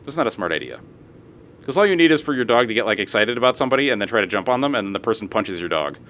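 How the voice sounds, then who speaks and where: Streaming live, this young man reads posts out loud and tears into them, cursing freely and tossing in asides. He talks very fast in a lowish, fairly bright voice with big swings in pitch.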